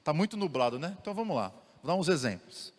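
A young Brazilian man teaching the Bible in a lively way, asking his listeners rhetorical questions. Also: a little high, quick pace. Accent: Brazilian Portuguese. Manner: animated, asks the audience rhetorical questions. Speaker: theology teacher. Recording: long reverb of a large room.

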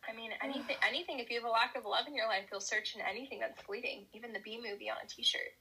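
A young woman, a podcast guest, talking in animated casual chat, laughing and acting out quotes. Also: on the high side, rapid-fire, vocal fry, slightly rough, rough recording.

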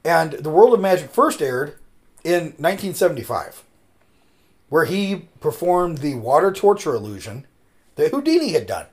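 Man, podcast host, casual rambling chat, lively pitch, slightly high voice. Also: normal speed. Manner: rambling, filler-heavy, animated.

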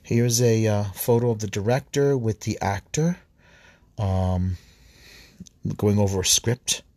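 A priest and podcast host reading an article aloud with asides, often stumbling on words and correcting himself. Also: male voice, on the low side, slow pace, darkish tone, dry recording.

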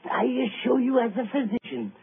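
An actor playing a superstitious old-world physician with a croaking voice, in 1940s radio acting style. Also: male voice, very high voice, fairly even intonation, slight background noise. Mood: grave. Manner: slow, grave, doom-laden. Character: gloomy superstitious foreign doctor. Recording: tinny old radio broadcast.

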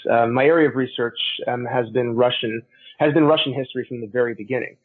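A man's voice: medium pitch, fairly even intonation, quick pace, slightly rough. A middle-aged man with a Canadian accent, giving talkative, explanatory answers as an interview guest. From Montreal, Canada. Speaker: guest, historian and author. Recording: tinny narrow phone-like line.

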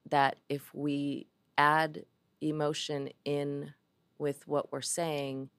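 Very deep-voiced frank woman in her forties. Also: level tone, slow, clean tone, no echo. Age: 40s. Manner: frank, emotional, swears freely. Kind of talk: candid podcast conversation.

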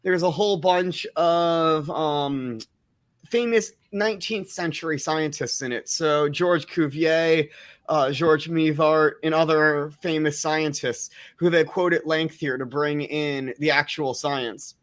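A man's voice: on the high side, slow pace, no echo. A man casually recommending a book, pedantic about word forms.

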